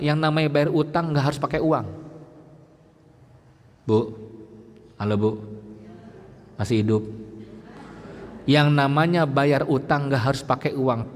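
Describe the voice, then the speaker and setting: Preacher in a reverberant hall. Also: male voice. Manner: talks directly to the audience, teasing and questioning; acts out humble pleading prayers in a low soft voice. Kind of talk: lively sermon to a congregation.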